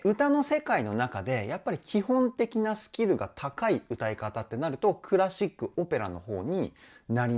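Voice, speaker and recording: A woman's voice: deep voice, a little mellow. A woman working as a vocal trainer gives an enthusiastic commentary analyzing a song and breaks in with short sung demonstrations.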